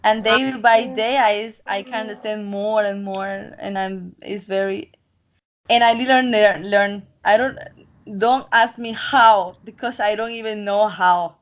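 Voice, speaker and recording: In this muffled recording, a talkative, confident interviewee chats casually in Colombian-accented English; she is a native Spanish speaker from Colombia's coast. Her medium-pitched voice stays steady and measured.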